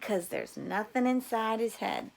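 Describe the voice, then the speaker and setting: In a storybook reading, a woman with a somewhat high, creaky voice plays an upbeat, preachy male camp counselor. She speaks unhurriedly, sounding encouraging yet patronizing and insistent.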